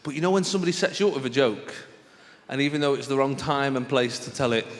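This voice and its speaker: A man with a Mancunian accent talks fast at medium pitch during a stand-up set on stage in a large venue. He tells chatty stories to the live audience and acts out exchanges, recorded in an echoey hall with clear background noise.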